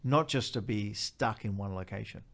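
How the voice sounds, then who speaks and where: A man's voice: fairly low pitch, normal speed, gravelly, a bit bright. A man with an Australian accent, a charity leader explaining in an interview step by step and stressing key points by repeating them.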